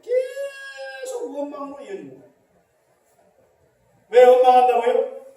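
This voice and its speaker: A middle-aged Korean pastor preaching a sermon with emphatic rhetorical questions, recorded in a large church hall. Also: male voice, a little high, mellow, a little hiss or hum. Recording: very echoey church hall, distant mic.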